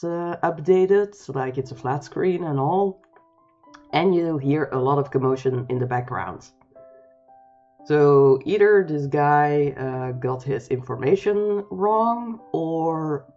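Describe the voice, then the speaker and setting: A woman's voice: deep voice, mellow, lo-fi sound. A woman hosting a video reaction show, chatting informally with filler words. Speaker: host. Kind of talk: casual reaction commentary.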